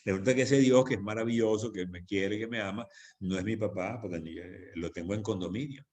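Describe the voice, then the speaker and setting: A man's voice: on the low side, fairly quick, darkish tone. A man preaching as pastor in a church, teaching on prayer with emphatic repetition. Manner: emphatic, repeats phrases for stress.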